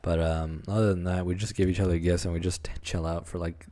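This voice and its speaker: Chill guy with a really low voice, cussing casually on a podcast. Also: little pitch movement, fairly quick, dark tone. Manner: laid-back, swears casually. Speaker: podcast co-host. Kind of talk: casual chat.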